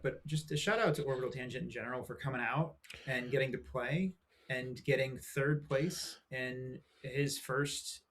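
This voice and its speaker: A man's voice: medium pitch, a little hiss or hum. A man co-hosting a casual podcast, easygoing and loose, with many fillers. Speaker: podcast co-host. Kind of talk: casual live-stream chat.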